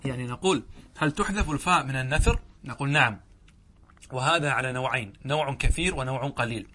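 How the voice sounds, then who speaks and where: A man's voice: mid-range voice, quick pace, pushed and bright, breathy edge. A man teaching a lesson on Arabic grammar, explaining a classical text and putting questions to his students that he then answers himself.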